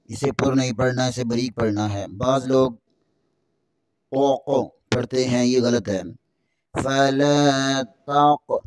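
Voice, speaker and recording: A man teaching Quran recitation with tajweed, spelling out the verses letter by letter and chanting them slowly. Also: medium pitch, a little mellow, no room sound. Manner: slow drawn-out recitation between brisk explanations.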